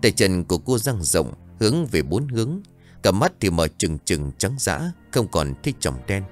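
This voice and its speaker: Low-voiced man narrating a ghost story. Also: moderate pace, soft background music. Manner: dramatic, expressive reading.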